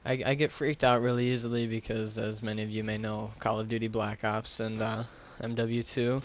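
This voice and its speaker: This gaming YouTuber's fairly low voice stays level at a normal speed, with a little hiss or hum behind it. He's on a gaming headset giving unscripted, casual commentary, hesitant and rambling, and often putting himself down.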